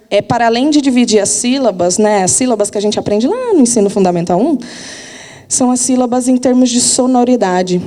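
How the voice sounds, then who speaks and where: Casual woman teacher, fairly high and mellow voice, long hall reverb. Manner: chatty, informal, asks listeners for agreement. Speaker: literature teacher. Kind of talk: casual video lesson.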